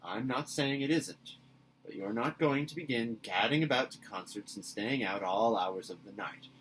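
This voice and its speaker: A man voicing a stern older woman guardian in a storybook, brisk, tart and scolding. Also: medium pitch, a bit bright, a little hiss or hum, natural voice, low-quality recording.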